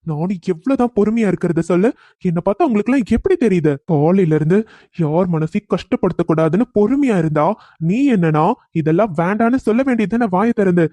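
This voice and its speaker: A man's voice: high voice, expressive, quick pace, warm tone, no room sound. A man voicing an angry, humiliated young husband in a cartoon story, bitterly accusing his new bride.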